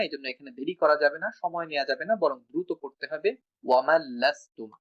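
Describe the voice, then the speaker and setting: Man teaching Quran recitation, lo-fi sound. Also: fairly high pitch. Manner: explains rules, then chants slow drawn-out recitation examples. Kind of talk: online tajweed lesson.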